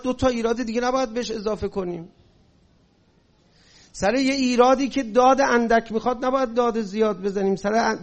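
A man giving an impassioned religious and political lecture, building up to forceful shouting on his key points. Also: very high-pitched. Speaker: speaker.

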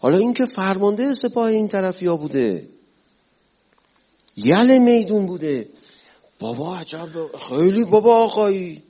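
A man's voice: high-pitched, big pitch swings, long pauses, darkish tone. A man preaching a religious sermon, retelling stories with emotional, exclamatory delivery. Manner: emotional, exclamatory, rising and falling.

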